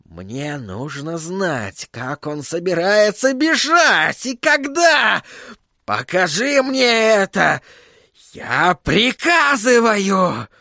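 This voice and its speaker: A man's voice: mid-range voice, animated, slow pace, no room sound, clean studio sound. A man doing a seething royal sorcerer, whispering and raging. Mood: furious. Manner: swings between hissed whispers and shouted commands. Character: menacing, furious male royal sorcerer, adult.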